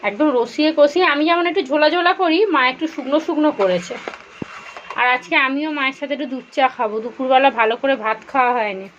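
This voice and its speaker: A woman's voice: high-pitched, fast talker, a bit bright, highs cut off, slight background noise. A woman, chatting directly to viewers in a casual home vlog from her kitchen. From India. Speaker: vlogger.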